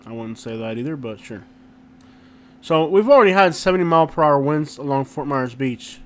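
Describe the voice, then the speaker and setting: A man hosting a casual live stream, talking in an informal, slangy and halting way and often repeating himself. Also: on the high side, lively intonation. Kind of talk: casual live stream chat, reacting to viewers. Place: inside a rented house.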